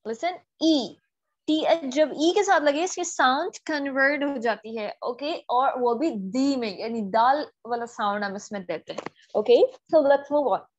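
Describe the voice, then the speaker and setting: A Pakistani woman teaching English pronunciation in an online lesson, switching between Urdu and English and drilling words slowly for her students to repeat. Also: sits high, muffled recording.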